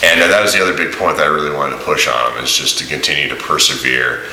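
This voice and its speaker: A man giving a casual, rambling video diary in a halting, informal way, recorded in a big echoey room. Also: rumbling low, fairly even intonation, bright, forceful tone. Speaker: vlogger and volunteer preacher on a mission trip. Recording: echoey room, big echo, audible hiss.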